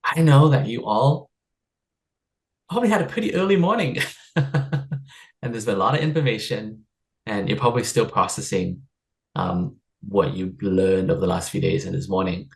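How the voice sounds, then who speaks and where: This gravelly, fairly low male voice moves at a moderate pace and pauses often. He grew up in the Seattle area of the United States and leads a live online stress and wellbeing workshop by video call, sounding upbeat and chatty with lots of laughs and fillers.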